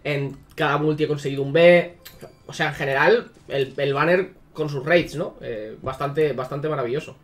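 A man's voice: fairly high pitch, moderate pace. A man giving casual, sarcastic commentary on a mobile game, swearing freely. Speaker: gaming YouTuber.

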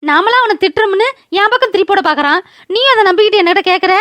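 A woman's voice: lively intonation, quick pace, fairly bright tone, no echo. A woman voicing a scheming, argumentative younger sister defending herself, in a cartoon. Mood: defensive. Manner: shrill and argumentative. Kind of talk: cartoon voice acting.

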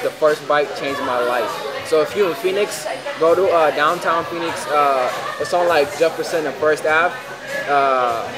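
A man vlogging casually from his car, animated and quick in bursts. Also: a little high. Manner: animated, talks fast in bursts. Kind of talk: casual vlog chat. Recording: noisy car vlog.

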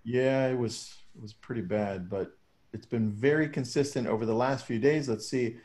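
A man's voice: mid-range voice, normal speed, a little mellow. Upbeat joking man hosting a webinar. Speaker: webinar co-host.

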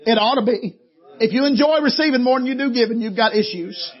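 Talking fast in a very high voice, a male preacher delivers a folksy sermon story at a church meeting, animated and full of laughs. The church audio is dull and lo-fi.

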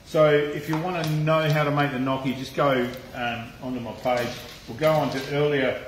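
A man's voice: medium pitch, steady tone, moderate pace, a little hiss or hum. An Australian man hosts a casual live cooking stream with a mid-range voice. His talk is loose and chatty, full of swearing and laughter. The sound bounces around an echoey room. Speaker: cooking channel host.

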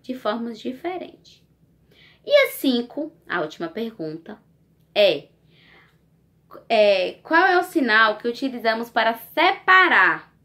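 Slow, bright-voiced teacher woman. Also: a little high, big pitch swings. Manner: slow, coaxing, sing-song teacher talk with tag questions. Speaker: primary school teacher. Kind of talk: recorded remote lesson for young children.

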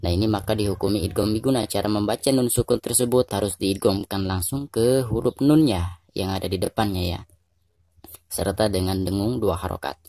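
An Indonesian man teaching Quran recitation rules, explaining patiently and repeating each point, then slowing down to chant drawn-out examples. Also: fairly low pitch, mellow, no room sound. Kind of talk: tajwid lesson with recited examples.

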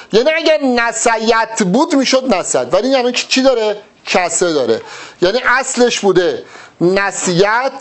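A man giving an exam-prep grammar lesson, explaining step by step and asking rhetorical questions that he answers himself. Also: high voice. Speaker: teacher.

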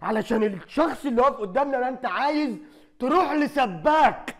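A man with an Egyptian accent giving loud, sarcastic comedy commentary on clips, often laughing as he talks. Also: very high-pitched, animated, fast talker. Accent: Egyptian Arabic.

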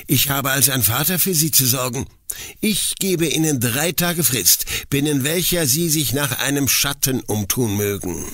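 A man's voice: expressive, measured pace, fairly bright tone, no echo, clean studio sound. A man voicing a stern, angry middle-aged head forester who confronts his daughter's suitor. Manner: furious, accusing, voice rising high.

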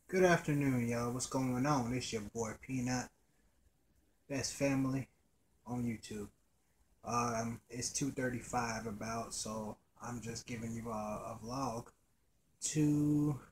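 A man in his thirties chatting casually to the camera in a laid-back home vlog. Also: mid-range voice. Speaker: vlogger. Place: small room indoors at home. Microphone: laptop webcam close up.

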